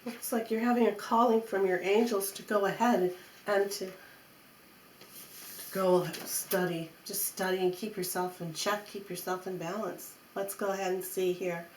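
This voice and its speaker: A woman's voice: medium pitch, steady tone, normal speed. Woman giving mystical tarot reading, echoey room. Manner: repeats phrases for emphasis, coaxing and reassuring. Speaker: tarot reader. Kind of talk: mystical tarot horoscope reading, spoken off the cuff. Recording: roomy echo, faint background noise.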